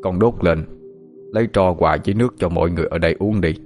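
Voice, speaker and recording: A man voicing a calm elderly male exorcist master who speaks slowly, low and gentle. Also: faint music behind, natural voice. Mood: soothing.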